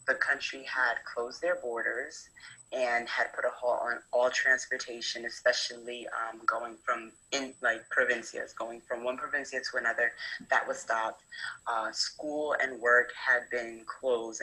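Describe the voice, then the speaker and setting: A woman's voice: rumbling low, sharp tone, low-quality recording. A young adult woman from New Jersey, a medical student intern, methodically explaining a hospital's procedures with frequent fillers. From New Jersey, USA. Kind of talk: prepared talk from experience.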